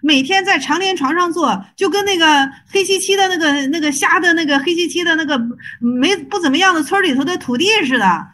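A blunt senior monk scolds his companion with sharp, impatient questions, as a woman teacher puts him on. The voice is high-pitched and insistent. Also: a little fast. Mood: scolding.

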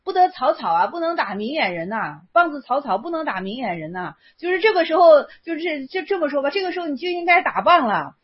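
A woman's voice: sits high, big pitch swings, quick pace, hardly any pauses. A woman giving a Buddhist dharma talk, explaining a Chan text in casual speech and often repeating and restarting phrases. The recording sounds dull and lo-fi.

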